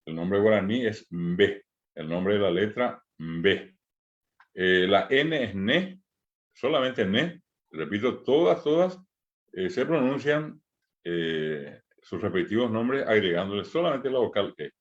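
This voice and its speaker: A middle-aged man teaches a language class online, speaking in a fairly low voice. He explains patiently, stops to repeat each sound slowly, and fills the pauses with drawn-out hesitations. The audio is dull and lo-fi, like a streamed lesson. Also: expressive. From Paraguay.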